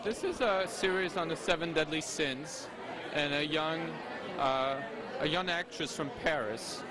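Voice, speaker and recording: A man answering an informal interview as an artist, explaining in a hesitant, halting way. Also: a little high. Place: public art gallery, indoors. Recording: loud crowd chatter in public space.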